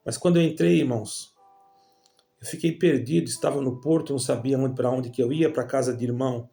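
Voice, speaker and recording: Faint music plays behind a Brazilian man, a church member with a Brazilian Portuguese accent, as he briskly tells a rambling religious testimony and calls listeners brothers. His mid-range voice is creaky and dark, with fairly even intonation.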